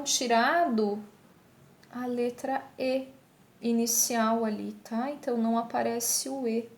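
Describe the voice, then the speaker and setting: A woman teacher, explaining step by step, checking in with her students and slowing down to read examples aloud. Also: fairly high pitch, darkish tone. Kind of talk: recorded online class. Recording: echoey room with faint hiss.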